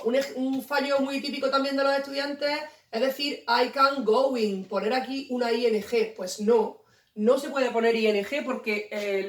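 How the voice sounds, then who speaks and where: Here a woman teacher jokes around while explaining English grammar to her students. Her voice runs a little high, and the recording catches her away from the mic in an echoey space.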